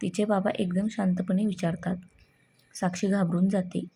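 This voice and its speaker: A woman narrating a scripted family story in an even, plain reading tone. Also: medium pitch, normal speed, gravelly, slightly rough.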